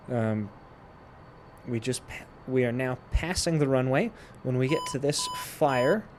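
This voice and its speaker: A man with a mid-range voice presents a flight sim tutorial, explaining things casually step by step while he plays the simulator. There's slight background noise.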